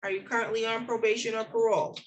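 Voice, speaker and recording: Woman judge, courtroom hearing, higher voice, formal procedural questioning, faint background noise and clicks. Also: little pitch movement, fast, rough recording. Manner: procedural, explaining rights step by step.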